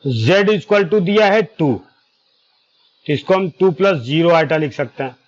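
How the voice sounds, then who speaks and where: Maths teacher guy, super slow, draws out every formula bit, kinda muffled lo-fi sound. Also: a little high, animated. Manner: slow, deliberate explaining, stretching out formula terms, checks in with "ठीक है"; corrects himself aloud mid-formula. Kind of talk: whiteboard lesson.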